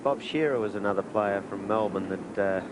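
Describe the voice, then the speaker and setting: A man's voice: lowish voice, normal speed. A man giving conversational, expert golf commentary on television. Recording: noisy outdoor 1980s TV broadcast.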